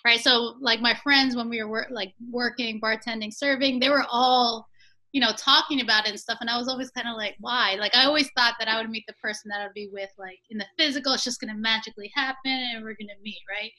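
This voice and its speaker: A business owner in her early thirties guests on a podcast interview, speaking fast in a highish, steady, pushed and bright voice on a rough recording. She tells her story chattily and keeps checking in with the listener through "right?" and "you know."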